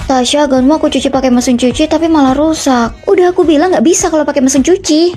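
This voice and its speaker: A young woman dubbing several college dorm roommates in a short drama, trading quick, bickering lines and switching between characters. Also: high-pitched, dark tone, faint music behind. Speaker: voice actor.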